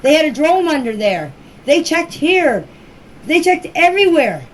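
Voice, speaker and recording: An older woman, a grandmother, speaks out as a relative in a missing children case, answering questions informally in a plain-spoken, insistent and repetitive way. Her voice is high, very animated and a little slow. It's an amateur, low-quality clip with slight background noise.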